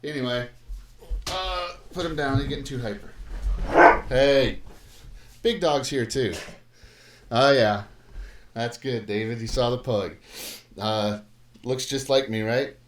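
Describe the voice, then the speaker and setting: A man's voice: medium pitch, slow, pauses often. A middle-aged man, a math teacher, talking casually and playfully through a live-streamed lesson in a classroom, with lots of fillers and asides. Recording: roomy live stream with faint noise.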